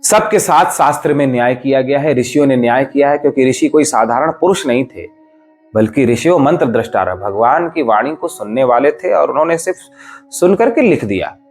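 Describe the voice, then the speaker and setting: A man's voice: mid-range voice, lively intonation, fairly quick, soft background music. A man, a spiritual teacher, giving a devotional discourse in an emphatic, explanatory way. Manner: emphatic, explanatory, rises and falls sharply for stress.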